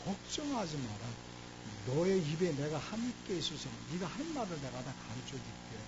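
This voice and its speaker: A man preaching who voices God as a stern, fatherly figure, gruff and blunt. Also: a little high, very animated, normal speed. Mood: reassuring. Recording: dull lo-fi church recording with noise.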